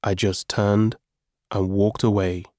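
A man narrates a novel in a measured, plain delivery. His voice sits a little low and the reading is very unhurried. The recording is dry and close. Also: level tone, darkish tone, dry recording. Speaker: audiobook reader. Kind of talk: scripted narration.

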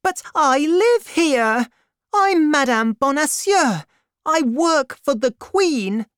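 A woman voicing a frightened young woman who pleads in a high, strained voice. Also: takes it slowly, no echo, studio quality. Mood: frightened pleading.

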